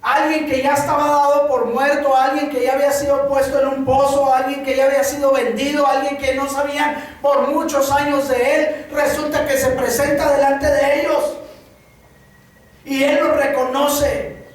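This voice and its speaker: A high-pitched preacher with a Mexican Spanish accent delivers a sermon in a repetitive, emphatic cadence. The voice rings through a very echoey church hall. It is picked up from a mic some distance away. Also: level tone, normal speed.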